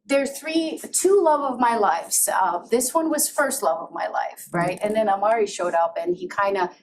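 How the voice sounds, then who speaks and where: A middle-aged woman from Azerbaijan, whose first language is Georgian, gives a candid personal talk to an audience in a presentation room. Her voice is medium-pitched at a normal speed, and she laughs often and restarts sentences. The presenter sounds far off, with faint noise in the recording.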